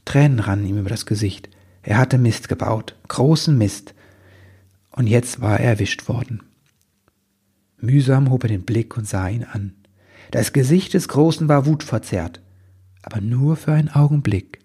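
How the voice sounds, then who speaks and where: A man reading a children's Christmas story aloud in a lively storytelling manner. His voice has a gravelly creak and a husky, rough grain. He speaks at an ordinary middle pitch. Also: moderate pace.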